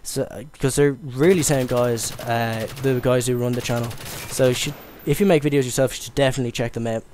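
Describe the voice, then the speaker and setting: A young man from Ireland talks loosely over his game footage in casual commentary, stumbling, restarting and filling gaps with ums and uhs. His voice sits at an ordinary middle pitch, with faint gunfire and game noise underneath. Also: steady tone, brisk, few pauses, a little mellow. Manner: rambling, stammering with many fillers. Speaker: gaming commentator.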